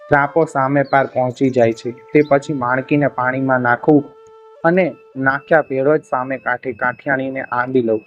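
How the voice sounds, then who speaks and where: Man reading a folk tale aloud. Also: medium pitch. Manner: steady dramatic storytelling, voicing cries of the characters. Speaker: storyteller. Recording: dull lo-fi recording with faint music behind.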